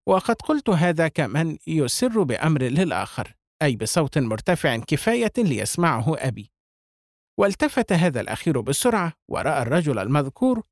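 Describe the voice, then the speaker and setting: A man reading a novel aloud as a narrator, with expressive delivery. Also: fairly high pitch, brisk, no echo, studio quality. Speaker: audiobook reader.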